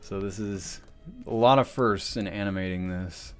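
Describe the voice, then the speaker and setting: A man's voice: deep voice, steady tone, normal speed, clean tone, faint music behind. A young man chatting casually on a livestream while animating, rambling and swearing often.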